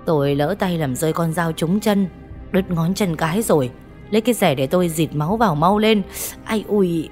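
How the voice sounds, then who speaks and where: A woman voicing a gruff, stubborn old male village butcher who talks bluntly and scolds. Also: fairly low pitch, normal speed, a little mellow, faint music behind, close to an everyday voice. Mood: pained.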